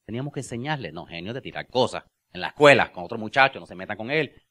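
A man preaching a sermon as pastor, with joking asides, laughter and slow, drawn-out phrases for emphasis. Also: lowish voice, lively intonation, pushed and bright. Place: church.

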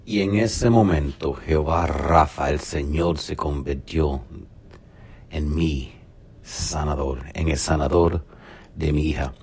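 Very deep, gravelly man preaching. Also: darkish tone. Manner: earnest, slows for emphasis. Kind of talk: sermon.

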